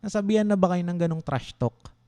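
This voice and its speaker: Young man, from the Philippines, law school vlogger, animated storytelling, slightly high voice. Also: brisk. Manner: asks viewers to respond. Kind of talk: casual storytelling livestream.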